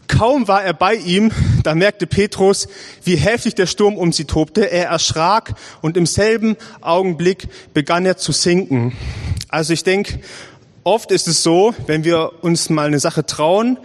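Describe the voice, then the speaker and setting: High-voiced man preaching casually, reverberant hall. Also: unhurried. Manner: casual, conversational preaching with frequent "hey" and "ja". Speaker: lay preacher. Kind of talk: sermon. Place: church stage.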